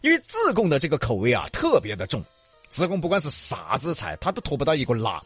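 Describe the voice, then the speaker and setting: A man's voice: mid-range voice, wildly swooping pitch, fast talker, a bit bright, husky, dry recording, faint music behind. A man with a Sichuan accent co-hosting a casual talk show, telling earthy, joking stories with colorful exaggeration. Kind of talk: casual banter about regional food.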